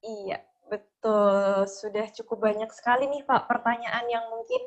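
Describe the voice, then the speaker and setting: Female webinar moderator, chatty and a bit high, video-call sound. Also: measured pace, lo-fi sound. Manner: friendly, chatty, with frequent "nih" and "gitu ya" fillers.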